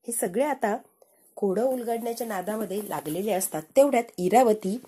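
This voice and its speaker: A woman's voice: mid-range voice, moderate pace, mellow, slightly rough. A woman narrating a recap of a TV serial episode in a casual storytelling way, retelling scenes in the present tense and reading out each character's lines.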